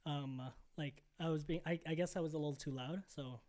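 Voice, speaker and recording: A young man co-hosting a podcast, telling a story in casual chat, animated and full of "like" and "bro". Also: a little high, brisk. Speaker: podcast co-host.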